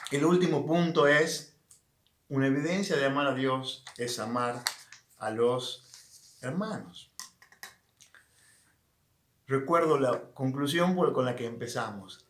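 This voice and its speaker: A man's voice: fairly high pitch, a bit bright. A man in his thirties, a pastor with an Argentine Spanish accent, preaching in a chatty storytelling way with many restarts. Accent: Rioplatense Argentine Spanish. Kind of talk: online sermon with a personal story. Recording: echoey room sound.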